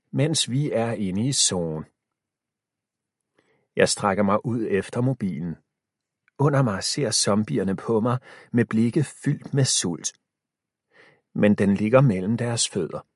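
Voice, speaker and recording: Husky, expressive male storyteller. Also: lowish voice, no echo, clean studio sound. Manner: expressive, shifting pace with the tension. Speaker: audiobook narrator. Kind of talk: scripted storybook narration.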